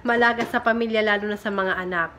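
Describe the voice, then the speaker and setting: There's slight background noise as a young woman from the Philippines vlogs from her room in Japan using a phone camera. Reading viewer comments, she's casual, giggly, and pokes fun at herself, with a mid-range, fairly even voice that is quick, pushed, and bright.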